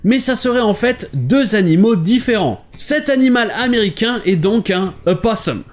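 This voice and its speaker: High, lively male language teacher. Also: normal speed, soft background music. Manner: clear, didactic delivery, switching between languages. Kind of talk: short explainer lesson.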